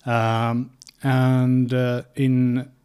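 A Swedish man in his thirties, a guest on an interview podcast, telling his story in a steady, methodical way with frequent pauses. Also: medium pitch, smooth. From Sweden. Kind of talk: casual interview answers.

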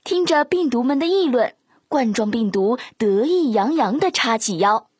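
A woman's voice: on the high side, expressive, moderate pace, noisy background. A woman narrating a children's story in a sing-song, coaxing way.

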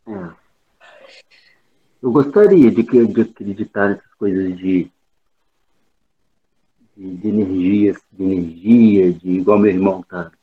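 A man on a group video call, speaking with his phone held away so he sounds low and distant, talking hesitantly and repeating himself. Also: unhurried, long pauses, slightly rough, phone-quality sound. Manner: hesitant, repeats words and restarts.

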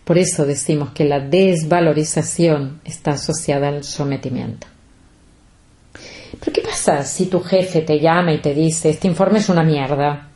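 A woman, hosting a reflective podcast and speaking slowly and deliberately straight to her listeners. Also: sits low, fairly even intonation, dark tone. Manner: slow, deliberate, addresses listeners directly. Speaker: podcast host.

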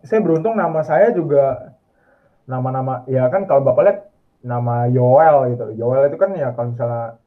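Young male student, from Indonesia, chatty and animated; tinny phone-line sound. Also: medium pitch, moderate pace. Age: young adult. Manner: chatty, animated storytelling with laughs. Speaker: student abroad. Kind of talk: casual video call chat. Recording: tinny phone-like call audio.

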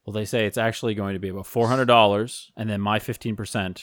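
Fast-talking low-voiced deadpan man. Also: no room sound. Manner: dry, deadpan questioning, playing a talent agent. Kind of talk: casual podcast banter.

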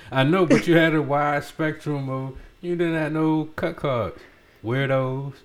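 A man's voice: on the high side, a little slow. Guy teasing his friend, joking around, laid-back banter. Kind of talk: casual chat.

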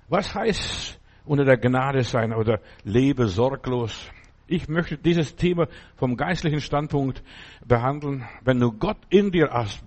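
A middle-aged man with a medium-pitched voice preaches a sermon in a folksy, rambling way. He keeps checking whether his listeners understand.

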